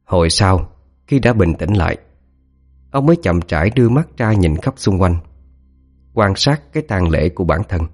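A man telling a scripted ghost story in a dramatic, expressive way. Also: sits low, normal speed, pauses often, breathy edge, soft background music.

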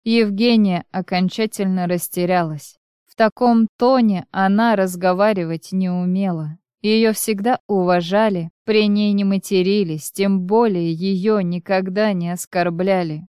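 A woman narrating a novel as an audiobook in a steady, even storytelling manner. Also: mid-range voice, a little slow, clear, resonant tone, no room sound, clean studio sound. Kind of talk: scripted narration.

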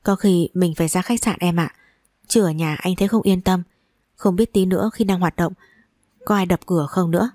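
Here a woman narrator reads the lines of a young boyfriend character who teases and coaxes playfully, his voice low and mellow at a moderate pace. It sounds near to an everyday voice, recorded close and dry without echo or much room sound.

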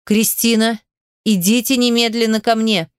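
A woman's voice: on the high side, steady tone, normal speed, clean tone, dry recording, studio quality, close to an everyday voice. Woman reading as a commanding king. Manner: insistent, calling out. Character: commanding middle-aged male king in pursuit.

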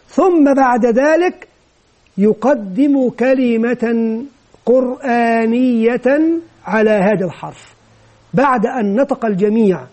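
A man giving a measured, methodical lecture that explains step by step how to teach children to read. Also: extremely high pitch, dark tone. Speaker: teacher trainer.

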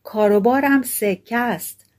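A woman's voice: a little high, a little mellow, close to an everyday voice. A woman reading the part of a jolly, boastful knife grinder in a storybook tale. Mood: jovial.

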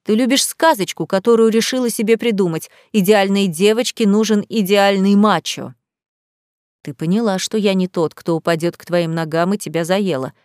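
A woman voicing an angry young groom who talks in harsh, low, menacing tones in an audiobook. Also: moderate pace, a little mellow, no room sound, studio quality, natural voice. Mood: contemptuous. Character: angry young man, bitter and contemptuous groom.

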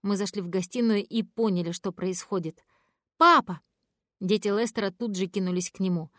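A woman narrating a first-person novel, giving the characters' lines expressive voices. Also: medium pitch, fairly quick, no room sound, clean studio sound. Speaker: audiobook narrator.

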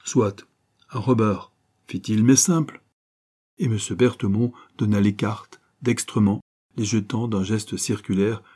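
A man reading a nineteenth-century novel aloud in measured, literary scripted narration. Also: lowish voice, warm tone, slightly rough. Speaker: audiobook narrator.

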